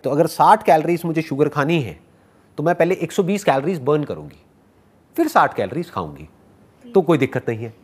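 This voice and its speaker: With a fairly high pitch and a breathy edge, he talks a little fast while giving a motivational speech. He's lively and playfully teasing as he answers the audience, dropping English phrases into Hindi.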